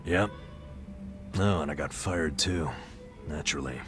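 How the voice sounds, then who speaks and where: Unhurried and extremely low-pitched, a male actor voices a burned-out former nurse in middle age in a video game. He tells his story in an American accent with wry, self-deprecating weariness, sounding resigned, over background music.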